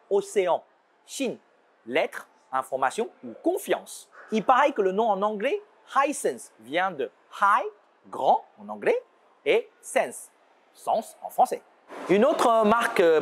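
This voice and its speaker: A man's voice: fairly high pitch, a little hiss or hum. A man from China, presenting a scripted educational segment and explaining with playful asides. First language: Chinese. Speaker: show host.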